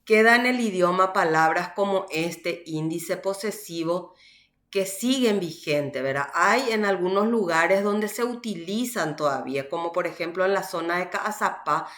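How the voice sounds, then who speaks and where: A woman teacher from Paraguay giving a university language class, explaining slowly and often checking with "¿verdad?". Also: fairly low pitch, animated, a bit bright, reverberant. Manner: slow, explanatory, frequent "¿verdad?" tags. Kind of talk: online class lecture.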